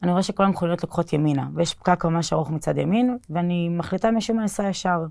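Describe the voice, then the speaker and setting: A woman's voice: on the low side, gravelly, a little mellow, dry recording. A young woman telling her own story in a casual, spoken way, with fillers and restarts, acting out the lines she and others said. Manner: plain storytelling with many fillers and restarts, quoting herself and others. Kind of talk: casual spoken personal account.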